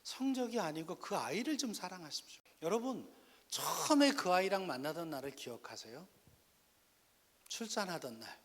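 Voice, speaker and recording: A man's voice: sits high, normal speed. A middle-aged male pastor lecturing parents in a church hall, telling stories and appealing directly to his listeners. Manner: lively storytelling with direct appeals to the audience.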